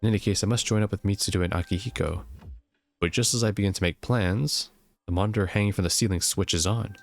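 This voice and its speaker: A young man with a low, deep voice reads a game's story text aloud at a steady pace. He occasionally trips over words and jokes about it, with faint game music in the background. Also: fast, vocal fry. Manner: steady reading, jokes about own slips. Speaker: gameplay narrator.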